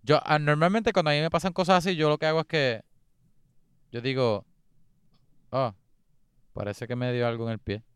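A man chatting casually about a film, relaxed, laughing often and losing track of scenes. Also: fairly high pitch, normal speed, pauses often, clean tone, no echo, clean studio sound. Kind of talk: casual chat reviewing a film.

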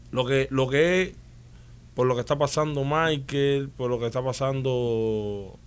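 A man's voice: medium pitch, slow pace, pauses often, clear, resonant tone. Cuban man telling a story animatedly. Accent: Cuban Spanish. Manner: animated storytelling, frequent restarts and "¿me entiendes?". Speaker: interview guest. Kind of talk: casual interview conversation.

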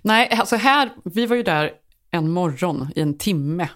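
A woman in her thirties with a slightly low-pitched voice talks in a relaxed podcast chat. She tells a family story with energy and jumps into the voices of the people in it. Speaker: podcast co-host. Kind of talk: casual chat.

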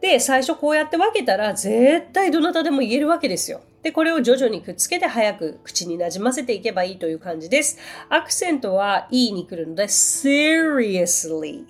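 A woman's voice: fairly high pitch, very animated, fast talker, few pauses. Chatty woman hosting an English lesson podcast. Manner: friendly, chatty, with fillers. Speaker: podcast English teacher and host. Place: Tokyo.

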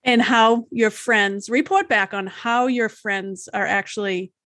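A woman's voice: medium pitch, unhurried, a bit bright, dry recording. A woman co-hosting a podcast in a casual, playful, bantering way. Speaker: podcast co-host.

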